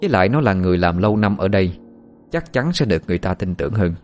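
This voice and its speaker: A man narrating a first-person story in a steady, calm storytelling manner. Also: low voice, racing, faint music behind.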